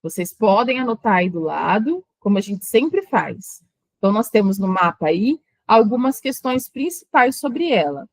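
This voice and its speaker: A woman's voice: medium pitch, very animated, normal speed, dry recording. A woman teaching an exam-prep lesson on children's writing, explaining patiently and sounding out words syllable by syllable. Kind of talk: online exam-prep lecture.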